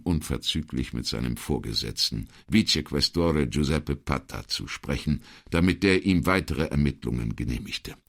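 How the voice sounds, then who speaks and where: A man narrating an audiobook in an extremely low, gravelly voice. His delivery is expressive and his pitch moves a lot. There is a husky edge throughout. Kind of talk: scripted narration.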